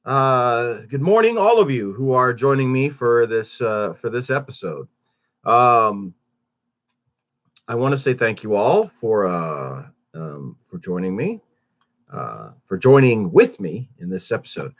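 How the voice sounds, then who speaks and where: Rambling stuffy-nosed man with lively pitch. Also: measured pace. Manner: rambling, lots of fillers and restarts; animated, swoops up on greetings. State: stuffy, under the weather. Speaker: YouTube channel host. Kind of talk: casual morning channel update.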